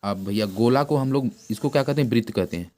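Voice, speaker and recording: A man tutors one pupil in an informal math lesson at an ordinary middle pitch. He repeats every new term and quizzes the pupil with quick questions. His delivery is plain and chatty, with frequent restarts. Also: darkish tone. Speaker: math teacher.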